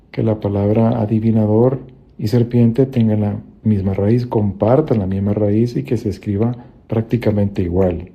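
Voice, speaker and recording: A man's voice: on the low side, creaky, husky, muffled recording. A man on a Bible study podcast, explaining scripture in a patient, methodical teaching tone.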